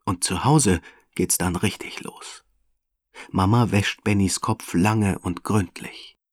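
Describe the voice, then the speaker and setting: A man calmly reading a children's story aloud as narrator. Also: deep voice, slow, no echo, studio quality.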